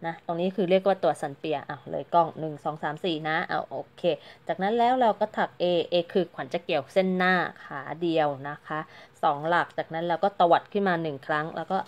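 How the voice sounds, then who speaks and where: Chatty woman teaching crochet, low voice. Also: quick pace, few pauses. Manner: chatty, polite, counts stitches aloud. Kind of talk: casual step-by-step craft tutorial.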